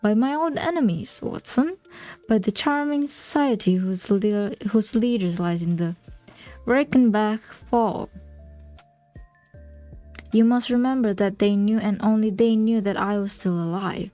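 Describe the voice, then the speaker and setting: A shrewd, composed male detective from a classic storybook, laying out his reasoning in a soft, mellow tone, as a woman reads his lines. Faint music plays behind him. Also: mid-range voice, measured pace, natural voice, poor audio. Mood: explaining. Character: clever calm male detective, adult.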